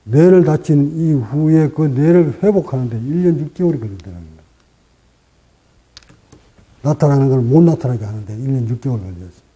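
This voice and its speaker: A man teaching as a Buddhist meditation master, speaking in short, deliberate phrases with pauses and rising for emphasis. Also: mid-range voice, lively intonation, warm tone, rough recording. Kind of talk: dharma talk.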